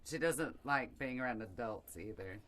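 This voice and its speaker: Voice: mid-range voice, expressive, normal speed, fairly bright tone. A speaker co-hosting a casual podcast, making dry teasing remarks.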